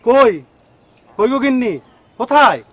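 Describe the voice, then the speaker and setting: A man's voice: sits high, lively intonation, brisk, husky, no room sound. An actor playing an anxious village husband who eagerly pleads with a holy man for his child. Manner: pleading and eager, calling "baba" often. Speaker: village devotee, expectant father. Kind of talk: devotional film acting. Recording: dull lo-fi film soundtrack with faint noise.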